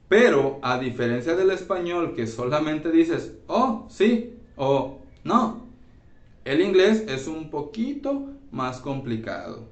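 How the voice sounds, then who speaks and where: Slow-talking man teaching grammar in an echoey room. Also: a little high, distant mic. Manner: slow, repeats and checks with "¿sí?". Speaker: English teacher. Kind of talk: classroom grammar lesson.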